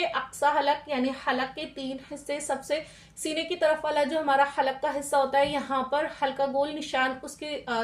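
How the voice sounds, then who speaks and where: A woman's voice: high voice, roomy sound. A woman teaching a tajweed lesson, patiently asking questions and answering them herself, stretching out the sounds as she demonstrates them. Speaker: Quran recitation teacher.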